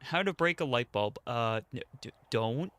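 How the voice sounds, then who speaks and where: A man's voice: medium pitch, lively intonation, normal speed, a bit bright, smooth. A man streaming a game, rambling playfully as he plays and answers chat. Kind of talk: casual gameplay commentary.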